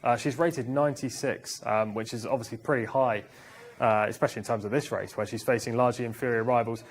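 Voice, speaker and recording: Fast-talking man breaking down race form. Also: medium pitch, fairly even intonation, a little hiss or hum. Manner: quick, confident form analysis. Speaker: studio racing analyst. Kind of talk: live racing broadcast analysis. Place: TV studio.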